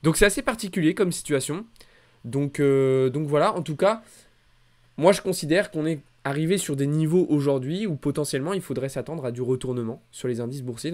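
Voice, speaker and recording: With a medium-pitched, slightly mellow voice, a man hosts a weekly markets recap. His financial commentary is casual and conversational, but hesitant and marked by repetitions.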